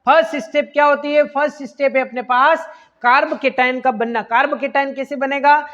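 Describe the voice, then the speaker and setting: A man's voice: very high-pitched, fairly even intonation, brisk, fairly bright tone, big-room sound, dull audio. A man teaching a chemistry class who keeps asking questions and answering them himself, and who gives the molecules voices as if they were chatting friends. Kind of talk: classroom lecture.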